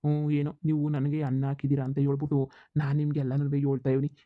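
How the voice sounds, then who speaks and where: A man's voice: mid-range voice, completely flat delivery, dry recording, narrow, tinny audio, close to an everyday voice. A man voicing a deferential, gossiping village farm servant in a cartoon comedy. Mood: tattling. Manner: deferential, tattling, rapid.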